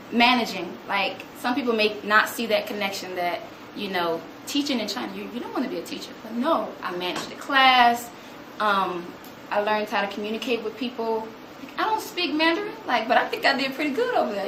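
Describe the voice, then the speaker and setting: Young woman, lively storyteller, slightly high voice, echoey room with background noise. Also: a little fast, few pauses. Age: young adult. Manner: animated, acts out quotes in a higher voice. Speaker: student speaker. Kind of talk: storytelling talk to an audience. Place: room with an audience.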